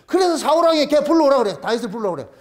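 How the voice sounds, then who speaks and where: Pastor, colloquial storytelling sermon, high-pitched and animated. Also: male voice, very fast. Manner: colloquial, animated, acts out characters.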